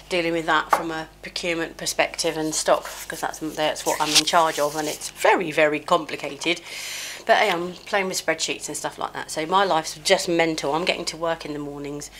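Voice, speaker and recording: Over a noisy background, a deep-voiced middle-aged beauty vlogger does her makeup at home, slightly chesty with a cold. She chats in a rambling get-ready-with-me style, scattered and self-mocking, using many fillers. Her small clip-on mic sometimes gets covered.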